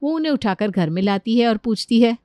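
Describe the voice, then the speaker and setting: Woman narrator, calm storybook read, dry close sound. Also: on the high side, fairly quick, no echo. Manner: even, storytelling delivery.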